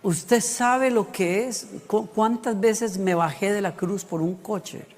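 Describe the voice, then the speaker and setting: A man preaching a sermon, telling stories with lively acted asides. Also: high-pitched, takes it slowly. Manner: animated storytelling with acted asides. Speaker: pastor. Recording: long hall reverb.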